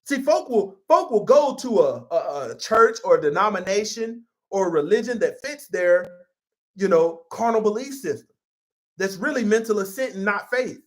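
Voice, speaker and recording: Male pastor, sermon, emphatic, conversational, lively swooping pitch. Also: moderate pace. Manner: emphatic, conversational preaching with repeats.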